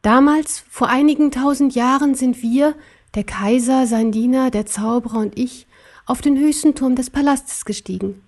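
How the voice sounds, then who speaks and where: Woman reading as a sweet sad little stuffed cat, soft and hesitant, kind of high. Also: normal speed. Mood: wistful.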